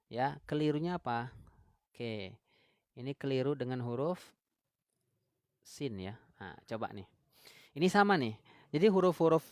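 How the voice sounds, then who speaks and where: A man gives an online recitation lesson, walking through letters one by one. His voice sits in a middle register, recorded close and dry with no room sound. He repeats syllables slowly and often turns to quiz the viewers. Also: mid-range voice, clear, resonant tone, no echo. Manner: explains step by step, drills syllables slowly, asks viewers questions. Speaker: Quran recitation teacher.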